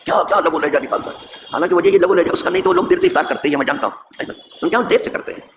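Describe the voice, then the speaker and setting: A middle-aged man, a mosque imam, giving a hadith lesson with animated rhetorical questions and recited verse. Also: on the high side, gravelly. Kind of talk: religious lesson talk. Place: mosque hall. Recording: echoey hall with background noise.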